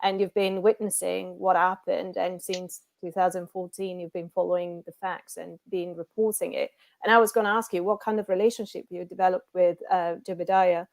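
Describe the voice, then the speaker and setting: Woman interviewer, lowish voice, kinda hesitant, curious questions. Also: level tone, normal speed, gravelly. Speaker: interview host.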